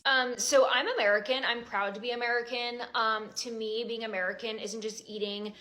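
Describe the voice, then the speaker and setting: Hesitant higher-voiced woman. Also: steady tone, a little fast, bright, forceful tone. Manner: hesitant, many fillers. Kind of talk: halting on-camera statement.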